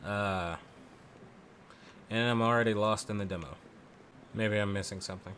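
A man's voice: lowish voice, fairly even intonation, normal speed, fairly bright tone, slight background noise. A man casually commenting on his game playthrough, offhand and joking, muttering to himself. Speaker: gamer.

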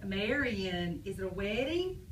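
A woman's voice: medium pitch, sing-song, unhurried. A woman with a Southern US accent teaching young children through a picture-book read-aloud, earnest and upbeat, prompting them with questions and echoing their answers. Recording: echoey room, distant mic, faint noise.

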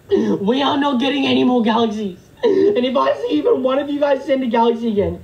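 A man's voice: extremely high pitch, a little mellow, lo-fi sound. A young man doing a comedic livestream skit, frantic and pleading, repeating himself over and over. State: nervous, shaky hands.

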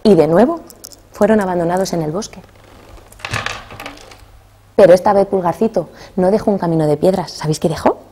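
A young adult woman telling a fairy tale to children, expressive and asking them questions as she goes. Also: on the low side, brisk, pauses often, slight background noise. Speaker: storyteller.

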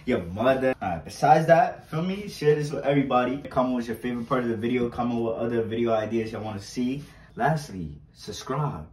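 A man's voice: medium pitch, lively intonation, brisk, a little mellow. A young man, chatting casually through an unboxing vlog, slangy and repetitive, recorded by a fixed camera a few steps away in a small indoor room. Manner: chatty, slangy, repeats himself, pleads for likes. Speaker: vlogger. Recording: roomy, distant camera sound.

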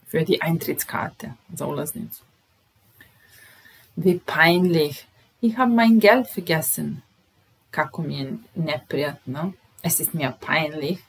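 Slow, husky-voiced woman teaching German. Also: deep voice, fairly bright tone, poor audio. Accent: Serbian. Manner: repeats example sentences slowly, then explains them. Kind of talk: slow language lesson.

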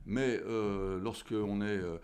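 Deep-voiced man, deliberate and halting. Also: fairly even intonation, a little mellow, clear, resonant tone. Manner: deliberate, hesitant with frequent fillers and restarts. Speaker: guest, history teacher. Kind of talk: measured interview answers. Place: indoor office with tall window. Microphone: desk studio microphone.

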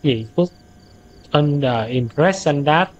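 A young gaming streamer provides let's-play commentary on a horror game, startling easily into loud outbursts. He translates the game's English dialogue aloud as he plays, speaking slowly in a fairly high voice over lo-fi audio.

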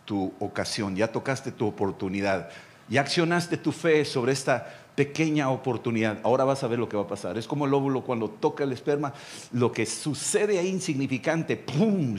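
A man with a Mexican accent, a pastor preaching a sermon, repeating phrases and dropping to quiet lines. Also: medium pitch, animated, normal speed.

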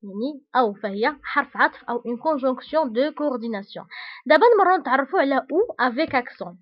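A woman with a Moroccan accent and a high voice teaches French grammar patiently. She repeats her points and reads each example sentence slowly. The recording sounds dull and muffled. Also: lively intonation, slightly rough. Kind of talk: explaining a grammar lesson, mixing languages.

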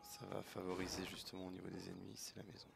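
A man's voice: low voice, monotone, fast talker, vocal fry, loud music behind the voice. A man streaming a video game, thinking aloud in casual, hesitant commentary.

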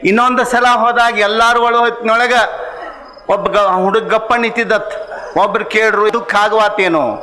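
A man's voice: high voice, little pitch movement, moderate pace, bright, forceful tone, long reverb tail. A man preaching a sermon, telling folk anecdotes and acting out their dialogue with emphasis. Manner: storytelling, acts out dialogue, emphatic.

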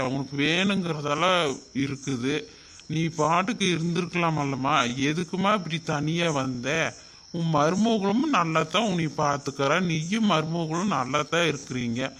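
A man's voice: a little high, fairly bright tone, slight background noise. A man playing a grown son who pleads with his mother to come home, frustrated by gossip at work and in town. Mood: pleading. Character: worried grown son, office worker. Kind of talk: village family drama acting.

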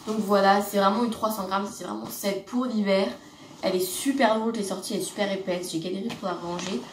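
A teenage girl talks in a chatty, gushing way, full of fillers and restarts, as she shows off her things in a casual vlog. Her voice sits at a middle pitch. It is picked up by a camera across her bedroom, so it sounds roomy and a bit distant. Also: steady tone, fast, a little hiss or hum. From France. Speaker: vlogger. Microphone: camera across the room.

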